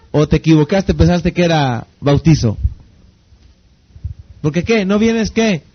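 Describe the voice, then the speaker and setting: A man giving a leadership lecture to an audience. He keeps checking in with quick rhetorical questions. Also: high voice, lo-fi sound. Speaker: leadership speaker.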